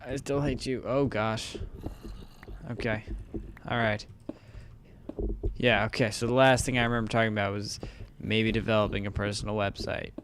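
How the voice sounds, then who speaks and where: With a fairly low voice, little pitch movement, normal speed, and long pauses, a young gaming host rambles through gameplay commentary on a desktop mic at home. He's chatty and frequently corrects himself mid-sentence, while a fan hums faintly in the room.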